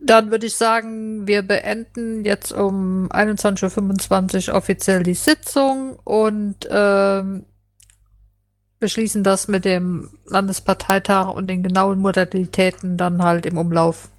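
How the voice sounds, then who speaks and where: A woman chairing a party board meeting, speaking in a measured way with hesitant fillers. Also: medium pitch, little pitch movement, no echo, clean studio sound. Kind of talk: meeting discussion.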